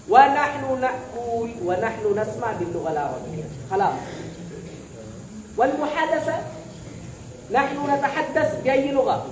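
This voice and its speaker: High-voiced man exhorting a class. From Bangladesh. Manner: exhorting, call-and-response questioning of the audience. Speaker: student speaker addressing classmates. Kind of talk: motivational speech to a class. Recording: echoey room, voice far from the mic, background noise.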